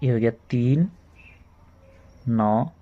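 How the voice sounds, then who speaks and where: A male maths teacher with a Bihari Hindi accent walks children through sums one step at a time. His voice sits at an ordinary middle pitch, and he repeats key points patiently. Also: phone-quality sound. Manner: slow, repetitive step-by-step explaining, addresses children. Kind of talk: classroom maths lesson.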